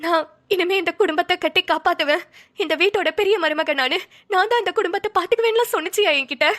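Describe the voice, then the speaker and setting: A woman's voice: very high voice, fast, fairly bright tone. A woman voicing a worried, coaxing middle-aged mother-in-law in a cartoon, speaking colloquial Tamil Nadu Tamil. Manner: coaxing, motherly, calls son affectionately.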